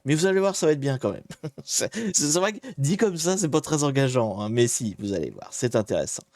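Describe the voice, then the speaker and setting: A man of ordinary pitch hosts a casual live-stream tutorial. He talks in a jokey, chatty way and greets his viewers. The sound is dry and close. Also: expressive, fairly quick, a little mellow, dry recording.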